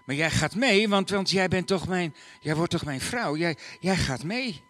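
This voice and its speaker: A man voicing a kind young carpenter who speaks gently and hesitantly and worries about a long journey. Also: high-pitched, lively intonation, unhurried, voice pushed up. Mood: worried.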